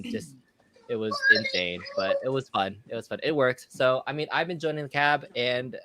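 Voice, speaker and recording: A man's voice: mid-range voice, pushed and bright, a little hiss or hum. A man hosting a casual podcast chat, talking like a hobbyist reviewer. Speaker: show host and arcade cabinet reviewer.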